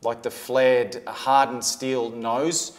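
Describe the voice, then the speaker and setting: Man, Australian accent, tradesman manner, medium pitch, casual practical explaining. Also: flat delivery, takes it slowly. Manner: plain-spoken tradie talk, explaining practically. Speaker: tradesman guest explaining fixings. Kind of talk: casual instructional chat.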